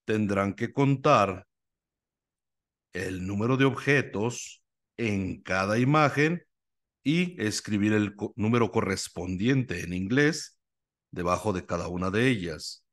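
A male English teacher with a Mexican accent, drilling a class on numbers by saying each one three times. His voice sits a little low, and he talks at an extremely slow, deliberate pace. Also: lively intonation, a bit bright. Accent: Mexican Spanish. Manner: repeats each number three times, explains in Spanish to students.

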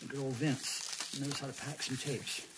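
A middle-aged American man hosts a cassette unboxing video at an indoor tabletop, giving casual, folksy commentary and thinking aloud as he goes. His medium-pitched voice barely moves in pitch and keeps a measured pace. The recording clearly picks up plastic wrap crinkling, cases clicking and other handling noise.

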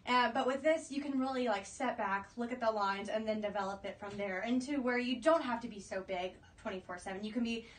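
Seated in armchairs in a small room, an actress in her twenties is interviewed and chats casually. She speaks briskly and with few pauses, her pitch on the high side. The microphone is placed at a distance.

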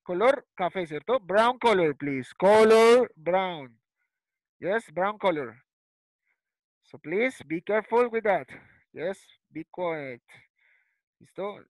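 A high-pitched man, a primary school English teacher, leads a first-grade class over a video call in a blend of Spanish and English. He repeats words patiently and uses short tag questions, ending lines with ¿cierto? and ¿listo?. The recording is dry and rough.

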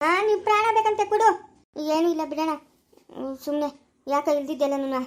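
A woman playing a quarrelsome, sharp-tongued village woman in a rural family drama. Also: high voice, expressive, fairly quick. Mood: scolding.

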